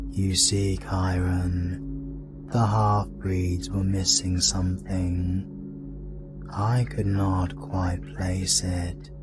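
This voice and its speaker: A low-voiced male actor plays a cold, scheming dark deity in a fantasy audio drama. His delivery is drawn-out and deliberate, condescending and menacing.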